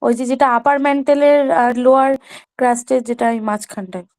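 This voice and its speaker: High-voiced woman student asking politely. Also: quick pace, darkish tone. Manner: polite, hesitant questions. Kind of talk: asking questions in class.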